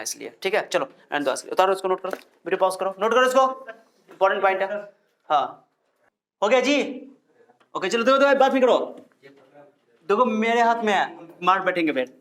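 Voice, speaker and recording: Male physics teacher, high voice, strict classroom lecture in Hindi with English terms. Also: fairly bright tone. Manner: scolds and quizzes students, mixing Hindi and English terms. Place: classroom with students.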